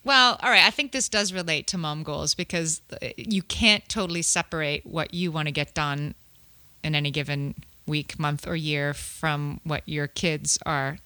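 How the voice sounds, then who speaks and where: A woman's voice: sits low, normal speed, pushed and bright, no room sound. A woman chatting casually as a podcast co-host. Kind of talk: casual chat.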